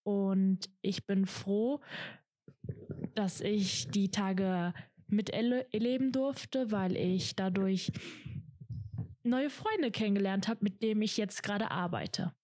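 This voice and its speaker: Slow, careful young woman in a dry room. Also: mid-range voice, warm tone, dry recording. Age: young adult. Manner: careful, halting. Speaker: apprentice guest. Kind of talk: casual chat.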